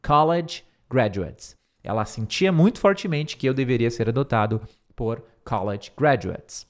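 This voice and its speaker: Man teaching English, drilling words slowly. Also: medium pitch, very animated. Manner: switches between slow, careful English phrases and quick explanations; repeats words many times to drill pronunciation. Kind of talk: English lesson explaining a speech line by line.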